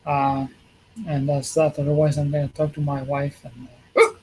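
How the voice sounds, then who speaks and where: A man's voice: monotone, fairly quick, a little hiss or hum, low-quality recording. A middle-aged man talking casually and rambling a little as he gives a livestream update from a hospital room. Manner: low-key and rambling. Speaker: streamer giving a health update.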